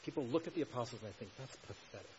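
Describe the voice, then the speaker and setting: A man's voice: medium pitch, animated, very fast, muffled recording, background noise. A male pastor preaching an earnest sermon, building to emphatic rhetorical questions.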